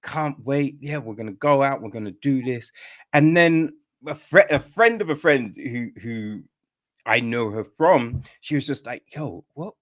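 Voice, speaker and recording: At medium pitch and an unhurried pace, this podcast host relates stories casually during an interview, energetically performing the quoted dialogue as he goes.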